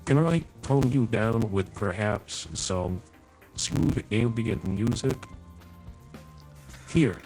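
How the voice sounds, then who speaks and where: A man's voice: fairly low pitch, expressive, slow pace, long pauses, darkish tone, soft background music, poor audio. A man voicing a prim, overly polite male AI companion in a tabletop game, his voice run through a morphing voice changer, talking formally with a few slips. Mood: prim, courteous. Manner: formal, courteous, stiff phrasing with slips.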